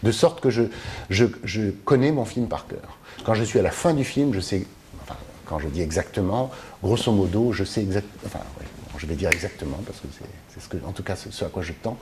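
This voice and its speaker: A man's voice: lowish voice, animated, fairly quick, darkish tone. A man who works as a film translator and teacher, answering interview questions in a thoughtful, hesitant way with many fillers and restarts. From Mediterranean. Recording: faint background noise.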